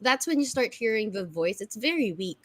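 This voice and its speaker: A woman's voice: fairly high pitch, expressive, moderate pace, a bit bright, dry recording, poor audio. A woman, narrating as dungeon master in a casual, hesitant way with many fillers and self-corrections. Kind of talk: narrating a tabletop game.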